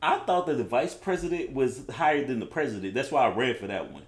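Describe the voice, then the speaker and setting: A man with a deep radio voice co-hosting a podcast, telling stories in a laid-back, animated way. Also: fast talker, reverberant. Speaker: podcast co-host. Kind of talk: casual chat.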